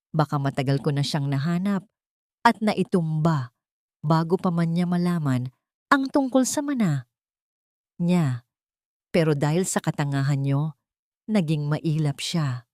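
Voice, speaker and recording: Cold sneering male villain, slow and mocking, low dry voice, read by a woman. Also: animated, a little mellow, dry recording.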